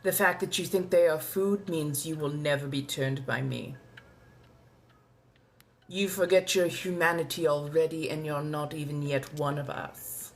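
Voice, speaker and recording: A woman's voice: low-pitched, steady tone. A woman playing an ancient, genteel female vampire with a posh colonial accent, speaking formally and courteously as she chats live in character. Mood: genteel, stern. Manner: refined, formal, old-fashioned wording, drawn-out deliberate phrasing. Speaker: livestream host answering viewer questions. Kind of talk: in-character live question-and-answer chat.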